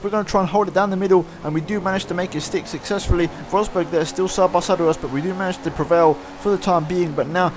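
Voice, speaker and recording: A man giving fast play-by-play commentary over his own racing game. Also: high-pitched. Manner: fast excited play-by-play, winding down later. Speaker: gaming YouTuber. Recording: loud racing game engine noise behind.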